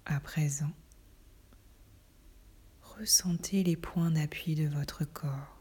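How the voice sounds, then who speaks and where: A woman whispering a guided relaxation in a soft, breathy, soothing voice, with slow delivery and long pauses. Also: low voice, fairly even intonation.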